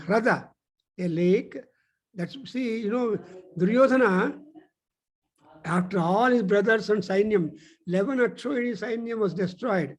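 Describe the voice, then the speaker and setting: A man gives a spiritual discourse in a high voice, moving at a very slow, deliberate pace. He teaches through stories and pauses with "uh" as he gathers his thoughts. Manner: explanatory storytelling, pausing with "uh". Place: teaching centre.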